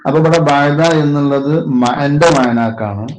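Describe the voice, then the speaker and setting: A man with a Malayalam accent, working as a religious teacher, slowly explains the grammar of a classical Arabic poem and parses it word by word. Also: medium pitch. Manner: slow, deliberate parsing with Arabic terms. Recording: echoey room with faint noise.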